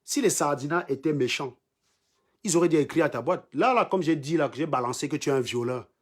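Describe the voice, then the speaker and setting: A man's voice: a little high, a little fast. A man with a Cameroonian French accent hosting a livestream, mocking and insulting his commenters in a combative rant, repeating lines for emphasis. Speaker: livestream host. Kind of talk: insulting live-stream rant.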